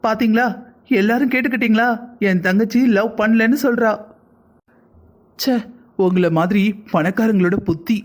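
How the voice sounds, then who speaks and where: A woman voicing a sharp, accusing young wife. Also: on the high side, moderate pace, pauses often, natural voice. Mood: scornful. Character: angry young wife, protective elder sister. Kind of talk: cartoon family drama acting.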